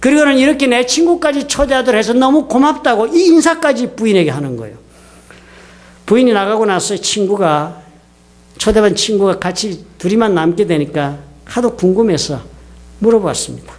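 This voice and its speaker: A man's voice: high voice, expressive, fairly quick. A man preaching a sermon as a pastor, telling a story and putting questions to his congregation. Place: church sanctuary.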